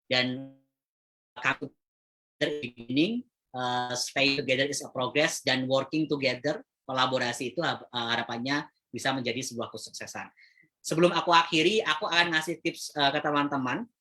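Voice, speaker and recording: A man talking through a webinar in a relaxed, conversational way, with a bright, clear tone. He often hesitates between phrases and speaks directly to his audience at an ordinary pitch. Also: moderate pace. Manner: frequent "eh" hesitations, chatty address to viewers. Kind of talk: casual webinar presentation.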